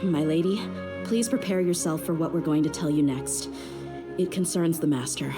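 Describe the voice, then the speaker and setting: Playing a young female mercenary bodyguard for a game, the actress keeps her voice low and near ordinary speech, moving at a normal speed. Music runs behind her frank, direct, plain delivery.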